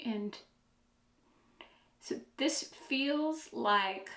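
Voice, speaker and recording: Middle-aged woman doing a psychic card reading, slow and musing, keeps trailing off, echoey room. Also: mid-range voice, a bit bright. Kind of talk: channeled card reading monologue.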